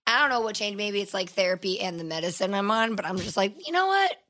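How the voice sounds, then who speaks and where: Relaxed hesitant woman podcast guest. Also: mid-range voice, fast. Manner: loose, hesitant, drifting with fillers. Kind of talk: casual chat. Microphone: podcast microphone.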